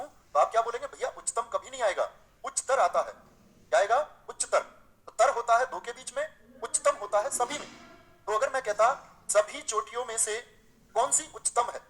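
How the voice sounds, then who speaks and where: A man teaching a live online grammar class. He keeps asking his students rhetorical questions, reads example sentences aloud slowly before correcting them, and calls the students dear friends. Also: very high voice, a bit bright, low-quality recording.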